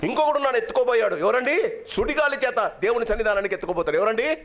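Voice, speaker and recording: Pastor guy shouting his sermon in church, voice sits high and swings all over. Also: lively intonation, fast. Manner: loud, impassioned preaching; mixes in English phrases. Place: church hall.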